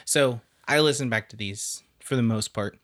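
A man's voice: medium pitch, normal speed, fairly bright tone. A man in his thirties co-hosting a casual podcast, easygoing and teasing, steering the chat back to the topic. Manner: easygoing, teasing, keeps the conversation on track. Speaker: podcast co-host.

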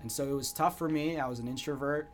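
A young American man answering interview questions in an earnest, reflective way, often pausing with "you know". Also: on the high side, a little hiss or hum. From United States. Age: young adult. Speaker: guest entrepreneur.

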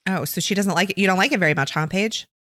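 A woman's voice: medium pitch, quick pace, a bit bright, dry recording. Chatty woman co-host on a dry headset. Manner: chatty, reads out label figures. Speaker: podcast co-host. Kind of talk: casual chat, product review.

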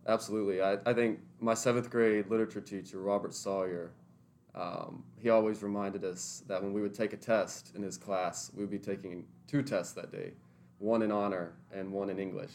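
Over slight background noise, a twenty-something man from Tennessee replies to an interviewer with earnest thoughtfulness, occasionally starting sentences over. He is a teaching intern, and his darkish voice sits on the low side with fairly even intonation and a moderate pace.

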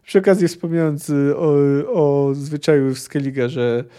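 A man hosts a book discussion podcast, reading passages and musing hesitantly, with frequent fillers. His voice sits slightly high and sounds mellow and relaxed. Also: moderate pace. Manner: hesitant, thinking aloud with many fillers. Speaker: podcast host.

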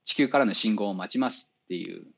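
Man, low voice, hesitant, many fillers, engineer guest, casual interview, lo-fi audio. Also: brisk, creaky, slightly rough. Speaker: spacecraft navigation engineer. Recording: dull lo-fi audio.

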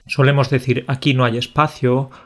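A man, co-hosting a lesson podcast, explaining grammar in a friendly, clear way. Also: medium pitch, level tone, moderate pace, fairly bright tone. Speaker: Spanish teacher, podcast co-host. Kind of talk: casual chat.

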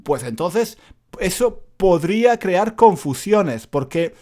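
Guy teaching, high voice, bouncy delivery, repeats himself a lot. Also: takes it slowly. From Spain. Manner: animated, repeats phrases, self-mocking jokes. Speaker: Spanish teacher. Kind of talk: casual spoken lesson.

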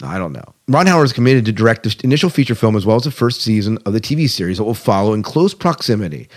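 A podcast host with a lowish voice talks quickly and animatedly, chatting casually and reading out news with conversational asides.

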